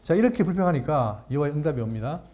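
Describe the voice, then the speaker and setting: Middle-aged pastor guy teaching scripture, kinda high voice but soft and mellow, keeps asking the room questions. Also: sing-song. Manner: asks the audience rhetorical questions and reads scripture slowly. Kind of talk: expository Bible lecture.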